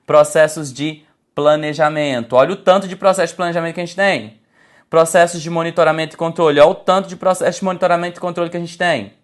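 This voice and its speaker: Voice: mid-range voice, steady tone, quick pace. An exam-prep instructor teaching an online slide lecture, speaking didactically, addressing the class as "gente", checking in with "tá?" and shifting intonation to illustrate points.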